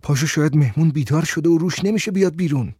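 A man reading a story aloud, raising his voice to play a young wife gently nudging her husband awake. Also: a little high, slightly rough, no room sound, studio quality, pitched above the performer's own voice. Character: young woman, gentle wife, mildly chiding.

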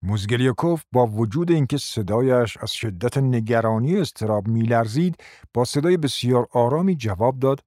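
Mellow-voiced male radio narrator. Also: medium pitch, expressive, no room sound, studio quality. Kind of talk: scripted narration.

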